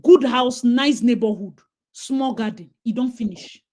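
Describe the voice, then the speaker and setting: Her voice on the high side and a little slow, a Nigerian-accented woman from Nigeria hosts a casual conversation. She tells stories with lots of animation, sometimes switching into pidgin.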